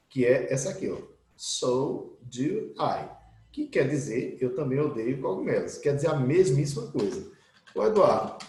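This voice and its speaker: A man teaching an English grammar class online, acting out his students' questions as he explains. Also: mid-range voice. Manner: lively, voices imagined student questions. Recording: echoey room.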